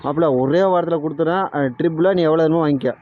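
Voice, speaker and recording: A man's voice: on the high side, fairly even intonation, very fast, narrow, tinny audio, a little hiss or hum. A young man with a Tamil Nadu village accent in a casual comedy skit, talking in a coaxing, persuasive way.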